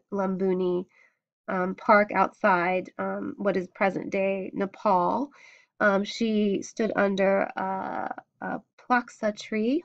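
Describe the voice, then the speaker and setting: Woman art history lecturer, halting and filler-heavy delivery, mid pitch, lo-fi recording. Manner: hesitant, many ums and restarts. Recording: dull lo-fi recording.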